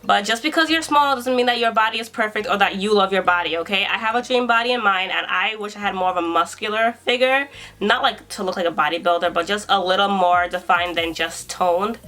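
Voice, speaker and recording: A woman's voice: medium pitch, a little fast, pushed and bright. A woman in her twenties from New York, chatting casually through a Q and A vlog as a YouTuber and hairstylist, breezy and self-assured. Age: 20s.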